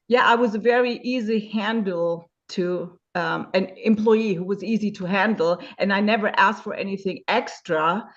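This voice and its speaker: In a webinar interview, a guest from Germany, a woman in her fifties, speaks openly about her experience, frequently filling gaps as she searches for words. Her voice is mid-range, and the recording has its highs cut off.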